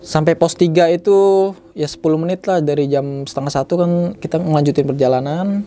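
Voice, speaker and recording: Young man guest, casual storyteller, mellow tone a bit high for a man, loose rambling delivery. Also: a little fast, slight background noise. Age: 20s. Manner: chatty, loose, fills sentences with "gitu" and "Bang".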